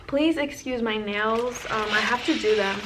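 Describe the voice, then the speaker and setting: A woman's voice: on the high side, unhurried, far from the mic, noisy background. A woman chatting casually in an eating vlog, loose and full of ums and likes. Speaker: vlogger.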